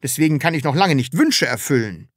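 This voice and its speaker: A woman's voice: deep voice, big pitch swings, fairly quick, dry recording, clean studio sound, voice pushed up. A woman voicing a timid, earnest grown man in an audiobook, talking in a way that is easily flustered. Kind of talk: audiobook character reading.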